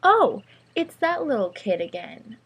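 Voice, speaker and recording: Woman doing a vain teen girl, shrieky, fake-sweet, raised high voice. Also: sing-song, measured pace, fairly bright tone, slightly rough, exaggerated voice. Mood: mocking.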